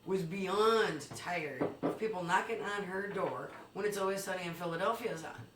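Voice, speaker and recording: A woman's voice: fairly low pitch, normal speed. A woman tells a made-up news story in a playful, loose way, stumbling over ums and dropping swear words. Her voice sounds roomy and a little distant, with faint noise in the background. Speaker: comedy news co-host. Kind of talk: comedic mock news story.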